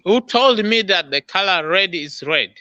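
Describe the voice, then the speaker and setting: Man, casual debate, lively pitch, bright voice, muffled recording. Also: measured pace, no room sound.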